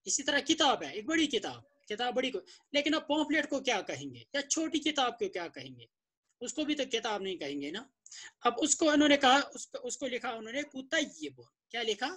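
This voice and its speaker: Animated male language teacher drilling terms. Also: high voice. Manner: repeats and drills terms, glosses them in English. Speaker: Arabic teacher. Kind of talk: classroom-style lesson explanation.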